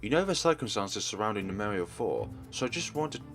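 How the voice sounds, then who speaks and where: Soft game music plays while a lowish-voiced man in a let's play reads visual novel narration and dialogue aloud. His delivery is sing-song and fairly quick, a dramatic in-character reading that moves from one part to another.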